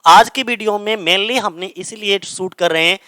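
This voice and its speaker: A man's voice: high-pitched, moderate pace, sharp tone, no echo. A male teacher giving a grammar lesson, who keeps asking questions and answering them himself and repeats the key words. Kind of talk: grammar lesson explaining in Hindi.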